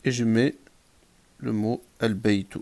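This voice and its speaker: Slow, patient male Arabic teacher. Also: lowish voice, fairly even intonation, creaky, darkish tone. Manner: patient, repeats examples and asks "d'accord?". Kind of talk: classroom grammar lesson.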